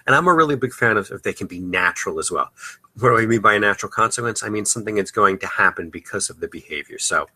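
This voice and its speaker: A man's voice: lowish voice, lively intonation, quick pace, bright, forceful tone, slightly rough, no room sound. A man hosting a parenting podcast, giving advice in a loose, conversational way with frequent "uh" and "you know" fillers. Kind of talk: advice talk.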